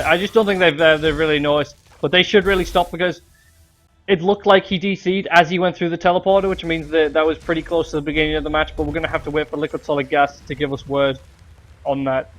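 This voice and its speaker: A young man shoutcasts an online game match from his room, still catching his breath after a dash up the stairs. His voice sits a touch high, and he rambles through fillers and restarts. Faint music plays underneath. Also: fairly even intonation, quick pace. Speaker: shoutcaster and streamer. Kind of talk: live game commentary.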